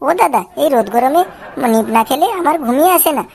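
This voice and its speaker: A woman's voice: high-pitched, expressive, fast talker, gravelly, a little mellow. A woman voicing a whiny male beggar in a cartoon, pleading in a wheedling sing-song. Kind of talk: comic cartoon voice acting.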